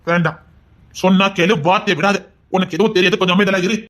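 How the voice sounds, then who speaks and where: A man's voice: high-pitched, fairly even intonation, fast talker, fairly bright tone. A man playing a bossy, commanding fiancé. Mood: firm. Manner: firm, commanding.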